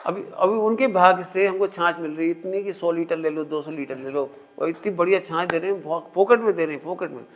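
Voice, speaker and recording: A man's voice: a little high, a little fast, few pauses, faint music behind. A man teaching a spiritual discourse in a conversational way, often asking his listeners questions. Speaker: religious teacher. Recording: muffled lo-fi recording.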